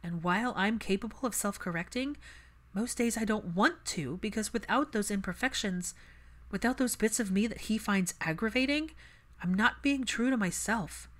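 A woman narrator, reading as if from a storybook, voices an impassioned young daughter standing her ground. She pitches the girl higher and more forcefully, emphatic and argumentative, at normal speed in a natural voice.

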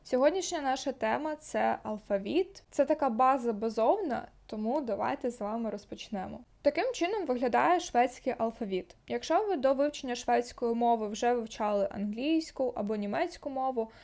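A woman teaching a beginner language lesson, saying each example word twice, slowly and carefully. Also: on the high side, expressive, vocal fry, a little mellow. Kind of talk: slow language lesson with repeated example words.

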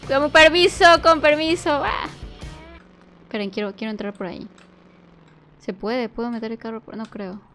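A woman giving playful commentary on a game, excitable, squealing and shrieking at every fall. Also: a little high, normal speed, pauses often, faint music behind. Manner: talks to the baby as she plays. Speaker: gaming youtuber.

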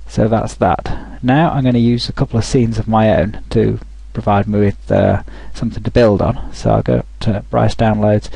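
A man talking through a software tutorial over a screen recording, thinking aloud with frequent restarts. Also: lowish voice, fairly even intonation, normal speed, gravelly, hardly any pauses, husky, dry recording, low-quality recording.

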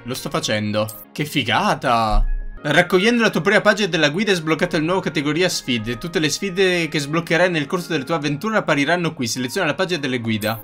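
A man's voice: on the high side, a bit bright. A man in his thirties giving casual gameplay commentary with irreverent, sweary asides. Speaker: game streamer.

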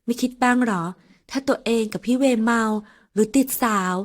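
A woman voicing a stubborn young woman secretary in an audio novel, with sharp, snappy retorts. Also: a little high, steady tone, moderate pace, natural voice. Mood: questioning.

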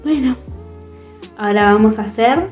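Teen girl vlogger with a Rioplatense accent, hyper and rambling, echoey bedroom with faint music. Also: fairly high pitch. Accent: Rioplatense Spanish. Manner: excitable, rambling, fast-changing expressive delivery. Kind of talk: casual chat to camera.

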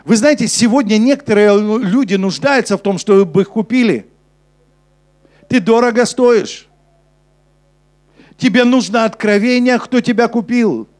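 A young man preaching a sermon on a church stage with a handheld mic, switching between emphatic urgency and a soft, low delivery. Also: moderate pace, pauses often. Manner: preaching with rising intensity, then dropping soft and low for scripture. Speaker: pastor. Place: church stage before a congregation.

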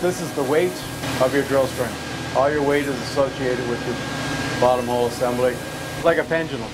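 A middle-aged man, a driller giving informal interview answers in a halting way with frequent pauses. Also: mid-range voice, very noisy. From Canada. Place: rig control station on a ship.

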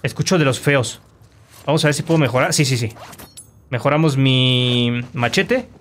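A man commentating his own gameplay, animated and quick to shout insults at enemies. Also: mid-range voice, a little hiss or hum. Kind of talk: let's play commentary.

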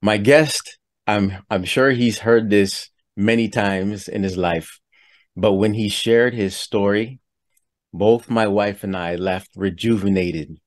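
A man's voice: lowish voice, fairly even intonation, slow. A man hosting a podcast interview, introducing his guest and asking questions in an earnest, friendly way. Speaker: podcast host. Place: home studio. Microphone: headset with studio mic.

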